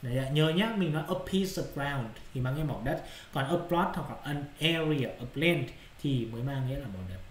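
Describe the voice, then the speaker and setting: A man's voice: mid-range voice, a little fast, hardly any pauses, reverberant, slight background noise. A male English teacher explaining exercise answers in Vietnamese, often checking whether students follow. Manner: repeats checking questions to students.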